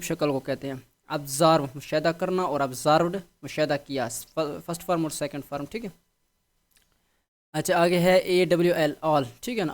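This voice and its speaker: Man with a fairly high voice teaching. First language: Urdu. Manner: explains patiently with frequent check-ins. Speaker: English teacher. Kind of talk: vocabulary lesson.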